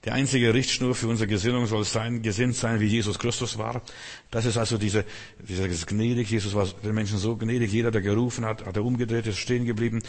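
A man's voice: fairly low pitch, fairly even intonation, brisk, long reverb tail. A man preaching a sermon, earnest and exhorting, speaking straight to the listener.

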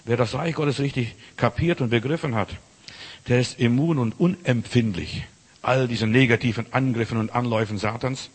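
Husky preaching man in a reverberant hall. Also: medium pitch, moderate pace. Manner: addresses listener as du, emphatic preaching. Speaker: pastor. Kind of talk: informal sermon.

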